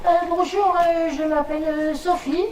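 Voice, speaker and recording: A man's voice: level tone, normal speed, a little mellow, a little hiss or hum. A man putting on a shy little schoolkid. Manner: hesitant, high childish voice. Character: timid young schoolchild introducing themself. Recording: roomy live stage sound from a distance.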